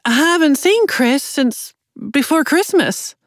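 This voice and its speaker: Woman narrator doing a shaken crash victim, young, tearful, high and urgent, dry storybook read. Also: expressive, takes it slowly, dry recording. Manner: tearful, pleading. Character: frightened injured young woman after a car crash.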